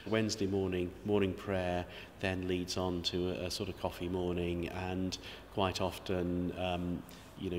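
Deep, flat-voiced middle-aged vicar. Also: male voice. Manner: hesitant, many ums and uhs. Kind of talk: interview. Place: church interior. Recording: reverberant church with faint noise.

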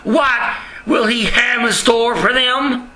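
Male wrestling promo announcer, loud shouted delivery, slow emphatic phrasing, echoey small-room sound. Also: extremely high pitch, fairly even intonation. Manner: bellowing, hype-filled, emphatic. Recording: roomy, slightly distant, faint noise.

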